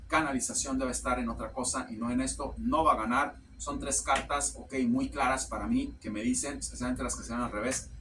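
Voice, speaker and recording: A man giving a casual tarot reading to camera. He speaks haltingly, repeats words while searching for the next one, and tacks "ok" onto nearly every phrase. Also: mid-range voice, fairly even intonation, far from the mic, noisy background. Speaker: tarot reader.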